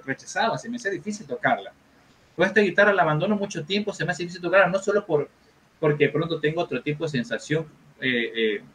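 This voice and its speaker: A man, a guest guitarist telling lively anecdotes in a casual interview, with many fillers and restarts. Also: on the high side, slight background noise.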